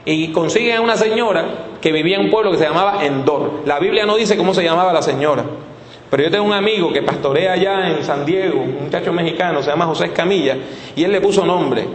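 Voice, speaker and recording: Brief: storytelling man preaching, lively and folksy, long church-hall reverb with faint room noise. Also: a little high, fast talker. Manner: animated, folksy, rhetorical questions. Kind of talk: storytelling sermon.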